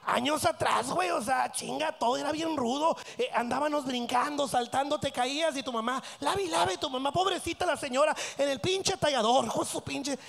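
A middle-aged man with a Mexican accent doing a crude, rowdy stand-up routine on a theatre stage, breaking into shouted voices. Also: very high voice, moderate pace, gravelly, few pauses. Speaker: stand-up comedian.

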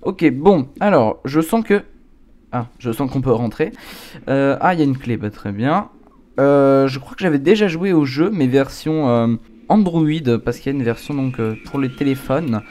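A scared, jumpy video game streamer reacts aloud as he plays a horror game in casual commentary. His mid-range voice has lively intonation, normal speed, and a slightly mellow quality, and the recording is clear with background noise.

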